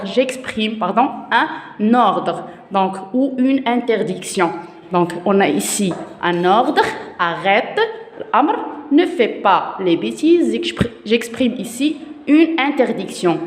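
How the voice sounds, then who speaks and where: A woman teaching a grammar lesson to children in a slow, patient way, repeating each point. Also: medium pitch. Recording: echoey room with long reverb.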